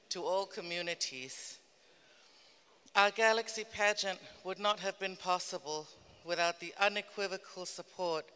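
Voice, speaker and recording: A woman reading a formal, measured thank-you speech from a stage lectern. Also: on the low side, bright, forceful tone, clean tone. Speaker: pageant speaker giving closing remarks. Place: indoor stage at a large event. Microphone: stand microphone at a lectern. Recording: echoey hall PA, long reverb.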